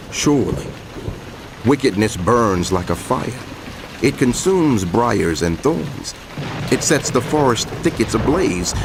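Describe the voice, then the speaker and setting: A man giving a solemn, declamatory dramatized scripture reading with deliberate pauses. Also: medium pitch, background noise. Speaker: scripture narrator. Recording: music bed under the voice. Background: background music.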